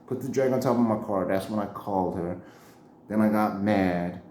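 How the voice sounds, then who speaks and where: A man's voice: lowish voice, normal speed, warm tone, a little hiss or hum. A man around forty telling a story in casual slang, laughing often and acting out what people said. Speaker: storyteller, channel host. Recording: roomy echo.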